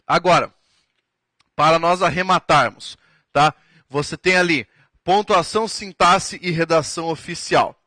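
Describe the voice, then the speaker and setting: A man's voice: on the high side, bright, forceful tone, dry recording. A man with a Brazilian Portuguese accent giving a recorded grammar lesson for an exam, stretching out key words and checking in with "tá?". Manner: drawn-out emphatic words, frequent "tá?" check-ins, writing on a board. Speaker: exam prep teacher.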